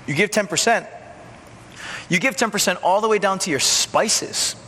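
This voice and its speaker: A man preaching in a relaxed, conversational way, slipping into little acted-out exchanges. His voice sits fairly high and sounds bright and forceful. The sound carries a long church reverb with a faint hiss underneath. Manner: conversational, acts out quick dialogues. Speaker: pastor. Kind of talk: sermon. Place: church sanctuary.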